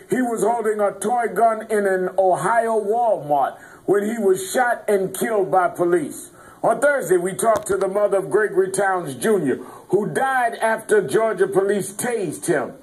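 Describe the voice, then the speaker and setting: A man anchoring a news program, introducing a story and interviewing guests in a measured, earnest way. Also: high-pitched, low-quality recording. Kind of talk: broadcast news presenting.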